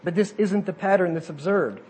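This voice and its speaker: High-voiced man preaching. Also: a little fast, a little mellow, slightly rough. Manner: reads quotes aloud, adds asides. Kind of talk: sermon.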